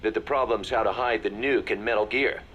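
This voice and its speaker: Playing a serious military second-in-command in a video game, a male actor gives a businesslike, measured briefing. His voice is fairly low, steady, a bit bright and husky. The recording sounds muffled.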